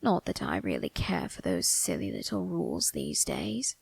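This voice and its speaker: A woman voicing a sinister, amused, ageless male grim reaper turned undertaker in an ASMR roleplay, breathy and gravelly, often dropping into a whisper, with a theatrical, teasing delivery. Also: very deep voice, huge pitch swings, no room sound, exaggerated voice. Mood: teasing, dismissive. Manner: slow, theatrical, teasing, morbidly musing. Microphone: close microphone, dry.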